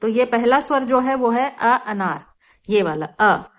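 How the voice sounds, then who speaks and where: A woman with a fairly high voice and lively intonation teaches a lesson for young children at a measured pace. She explains patiently, drawing out each example word so it comes through clearly.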